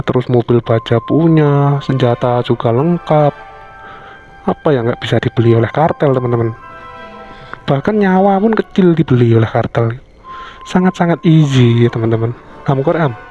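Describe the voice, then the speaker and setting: A man with a bassy voice, hosting a casual video commentary and addressing viewers informally, sometimes crudely. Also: normal speed, pauses often, mellow. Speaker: YouTube host. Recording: dull lo-fi audio, music behind. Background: prominent background music.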